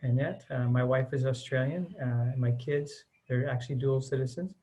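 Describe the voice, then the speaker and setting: A missions mobilizer, middle-aged and American, chats earnestly as an interview guest in an easygoing conversation, leaning on "uh" and "um." He speaks at a moderate pace with a medium pitch, fairly even intonation, and a mellow sound, though the recording quality is low.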